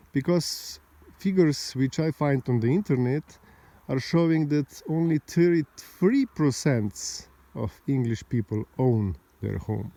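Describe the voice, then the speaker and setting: Slow, mellow man ranting. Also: medium pitch, dry recording. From Slovenia. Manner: rambling, indignant, argumentative. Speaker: vlogger. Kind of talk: casual monologue to camera. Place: outdoors overlooking a mountain valley road.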